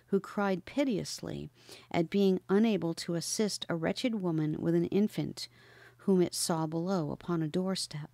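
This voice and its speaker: A woman reading a classic novel aloud as an audiobook narrator, hushed and often dropping into whispers. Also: lowish voice, gravelly, no room sound. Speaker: audiobook reader.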